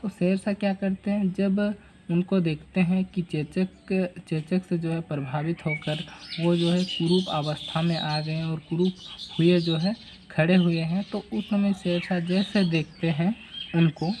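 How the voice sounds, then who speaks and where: A man teaching a literature lesson, explaining slowly in a halting, repetitive way full of fillers. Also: sits high, steady tone, background noise. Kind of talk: classroom lesson explaining a text.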